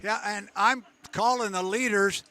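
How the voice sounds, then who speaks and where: A man calling a boat race live as the play-by-play commentator, getting excited and shouting at the finish. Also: high-pitched, measured pace.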